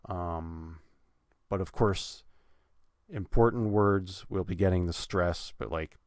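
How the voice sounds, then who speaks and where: Male pronunciation tutor, deep voice, halting casual delivery, dry recording. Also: dry recording. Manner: hesitant, many restarts and fillers, trailing off quietly. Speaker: pronunciation teacher. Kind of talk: casual explanatory teaching.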